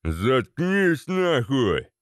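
A man's voice: medium pitch, animated, slow pace, dry recording, clean studio sound. Man growling as a foul-mouthed brute paratrooper. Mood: snarling. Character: brutal thick-headed male ex-paratrooper thug.

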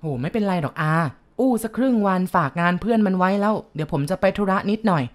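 A woman's voice: medium pitch, expressive, fast, close to an everyday voice. A woman voicing a cheerful young man who brags eagerly about his new motorbike. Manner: eager, bragging. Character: young male motorbike fan, cheerful and boastful.

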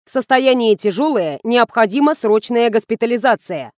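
A woman's voice: fairly high pitch, lively intonation, moderate pace, no echo, studio quality, close to an everyday voice. A woman reading the part of an officious, curt male ambulance doctor.

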